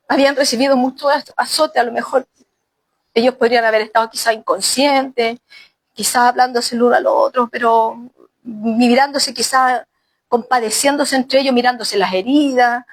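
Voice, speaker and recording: A woman's voice: fairly high pitch, normal speed, pauses often, dry recording, rough recording. A woman pastor preaching a sermon earnestly, speaking directly to the sisters of her congregation. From Chile.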